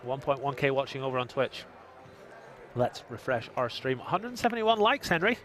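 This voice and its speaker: A man's voice: medium pitch, sing-song, normal speed, fairly bright tone. Man, live poker stream commentary, playful, reads out chat messages. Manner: joking, reads chat aloud.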